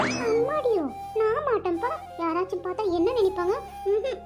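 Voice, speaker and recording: A woman voicing Selvi, a shy, anxious young village woman in love, in a cartoon, fretful and pleading. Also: animated. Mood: scared. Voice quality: very high girlish voice. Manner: fretful, pleading, quick to scold. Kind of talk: cartoon voice acting. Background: background music.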